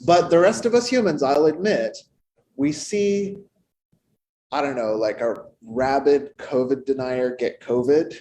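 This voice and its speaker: A man preaches a Sunday sermon in a loose, conversational way, tossing in playful asides. His pitch sits in a middle range for a man. A faint hum of room ambience lingers under his voice. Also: a little slow, dark tone, poor audio. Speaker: minister. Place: church sanctuary.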